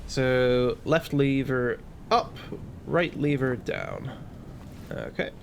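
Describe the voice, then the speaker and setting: A man's voice: medium pitch, drawn-out words, gravelly, a little hiss or hum. A man giving casual gameplay commentary, narrating his own actions and thinking aloud as he plays. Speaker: gaming video host.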